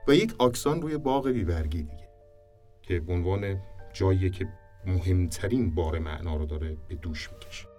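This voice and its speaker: A man's voice: low-pitched, far from the mic. A man teaching voice acting, explaining recitation techniques and reading verse aloud to show them. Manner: explains then demonstrates by reciting poetry with shifting loudness. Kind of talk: recitation lesson. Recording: music underneath, somewhat off-mic.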